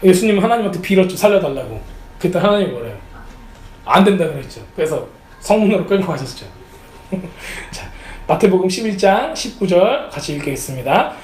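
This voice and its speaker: A man preaching a sermon as pastor, animated, often acting out the lines of the people in his story. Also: sits high, brisk, roomy sound, low-quality recording. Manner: animated, acts out quotes of characters. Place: church sanctuary.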